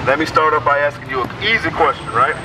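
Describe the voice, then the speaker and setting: A man's voice: fairly high pitch, fast talker. A man preaching on a city street, firing rhetorical questions at a passerby. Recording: distant mic, loud street noise.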